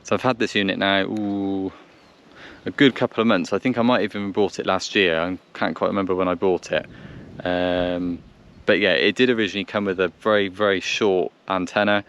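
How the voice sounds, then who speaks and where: A man speaks in a low, steady, clean, slightly bright voice at a brisk pace, though the recording is muffled. He thinks aloud and hesitates while presenting a casual vlog by a vehicle in the countryside, talking to camera and over a radio as vehicle noise fills the background.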